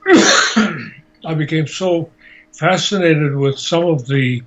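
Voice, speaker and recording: Though his pitch is fairly high and his tone fairly bright and animated, this eighty-year-old man speaks haltingly, measuring each phrase as he searches for words. He is a Holocaust survivor from Slovakia and Hungary, later of the United States, sharing his life story in an interview. A dull, lo-fi amateur recording carries his voice.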